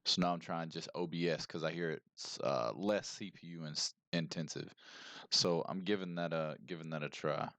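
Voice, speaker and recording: Low-voiced man on livestream headset audio. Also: moderate pace, fairly bright tone, no echo. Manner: chatty and rambling, greets viewers by name. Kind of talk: casual livestream chat with viewers. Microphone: close streaming mic.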